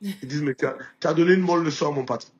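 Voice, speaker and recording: A man from Burkina Faso, an entrepreneur being interviewed, talks very fast in a fairly high, husky voice with a darkish tone. His Burkinabé French accent colors anecdotes full of restarts and filler, and the audio's highs are cut off.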